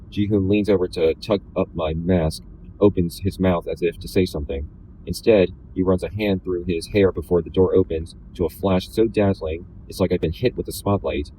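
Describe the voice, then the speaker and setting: Man reading a novel, flat robotic delivery, deep voice, faint road noise. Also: rough recording. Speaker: reader.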